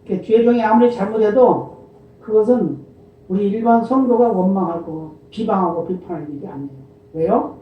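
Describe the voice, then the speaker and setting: A male pastor preaching a sermon, often asking the congregation questions and answering them himself, and reading scripture in a slow, formal cadence. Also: high voice. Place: church sanctuary. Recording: echoey church hall from far off, dull lo-fi sound.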